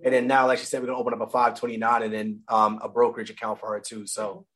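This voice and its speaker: A man's voice: fairly low pitch, monotone, fairly bright tone. A man and new father chatting casually about family money, talking loosely and correcting himself as he goes. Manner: fast, loose, self-correcting. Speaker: guest, father.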